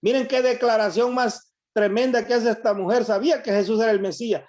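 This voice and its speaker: A man's voice: very high-pitched, steady tone, fairly quick, darkish tone. A man preaching a sermon, reading scripture verses aloud and explaining them to his listeners. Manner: reads verses aloud and comments on them to the congregation. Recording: dull lo-fi recording.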